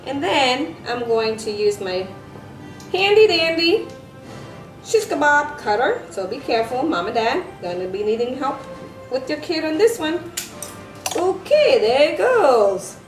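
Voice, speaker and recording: A woman giving a step-by-step craft lesson for children, speaking like a bright kids' presenter and teacher. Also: a little high, lively intonation, normal speed. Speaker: elementary science teacher presenting a craft tutorial. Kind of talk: step-by-step instructional demonstration for children. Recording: roomy echo with music behind.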